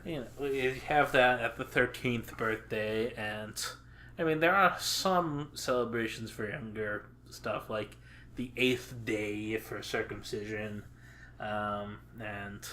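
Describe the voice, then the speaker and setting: A man casually chatting on a podcast as co-host, halting with lots of filler pauses and dry, crude jokes. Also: lowish voice, pushed and bright, a little hiss or hum.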